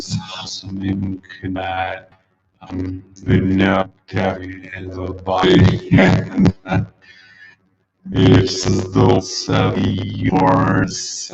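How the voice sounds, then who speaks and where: A man's voice is slowed down and pulled deep by a stream glitch, dragging along in a flat, gravelly crawl with slurred, garbled words. It comes through a dull, lo-fi call line. The sound is roomy and echoey. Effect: slowed down, deepened audio from a stream glitch.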